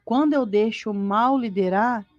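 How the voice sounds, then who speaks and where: A woman's voice: fairly high pitch, normal speed, no echo, highs cut off, faint music behind. A Brazilian woman co-hosting a spiritist gospel study from home, teaching in a conversational way, asking the listeners rhetorical questions and acting out little everyday scenes. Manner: acts out everyday voices and sighs of dismay. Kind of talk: informal spiritual teaching talk on a live stream.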